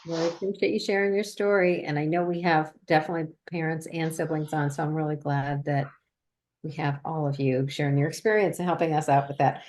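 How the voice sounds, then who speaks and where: A woman's voice: sits low, steady tone, fairly quick, a little mellow. A woman hosting a panel discussion, a parent, speaking reflectively and conversationally. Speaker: host, parent.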